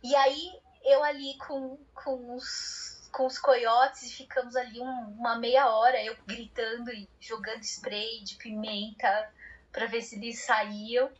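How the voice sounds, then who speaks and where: Animated high-voiced woman storyteller. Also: slow, highs cut off. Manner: animated, many restarts, acts out her own past words. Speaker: guest, solo cycle traveler. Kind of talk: emotional storytelling in an interview.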